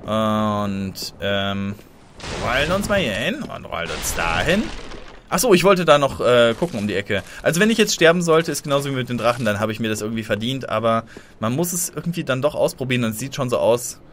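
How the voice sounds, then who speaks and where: A man commentating a blind let's play, excitable and easily startled, chatting to viewers and making little sound effects as he plays. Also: mid-range voice, a little fast, a little hiss or hum.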